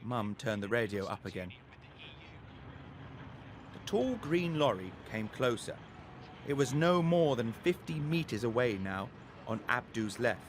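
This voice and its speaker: Reading from a script, a male narrator tells a children's story with careful, expressive pacing. His pitch is medium, and faint vehicle noise can be heard behind him.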